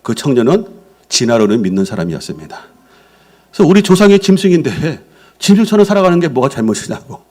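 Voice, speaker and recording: A man's voice: medium pitch, fast. A middle-aged male senior pastor preaching a Sunday sermon in a church, telling stories and acting out quoted speech. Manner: lively storytelling preacher, acts out quoted speech. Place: church sanctuary.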